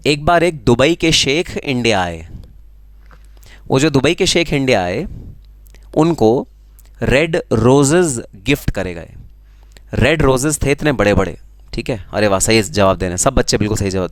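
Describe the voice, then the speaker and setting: A man's voice: medium pitch, lively intonation, unhurried, long pauses, no echo. A man with an Indian accent teaching a live online tax class, teasing students and answering their comments in a conversational way. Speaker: GST teacher.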